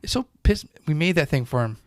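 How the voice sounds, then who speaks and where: A man's voice: a little high, very animated, fast talker, no room sound, studio quality. A man co-hosting a podcast in casual, rambling chat, swearing freely. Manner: loose, profane and rambling. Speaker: podcast co-host. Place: home.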